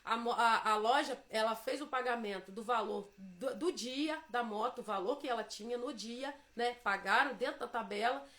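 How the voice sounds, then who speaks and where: High-voiced Brazilian woman giving testimony. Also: moderate pace, hardly any pauses, a bit bright. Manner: emphatic storytelling, acts out quoted dialogue. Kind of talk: devotional testimony talk.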